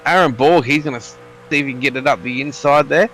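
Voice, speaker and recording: A man's voice: mid-range voice, fast talker, fairly bright tone, soft background music, poor audio. A man giving live motorsport commentary on a sim race.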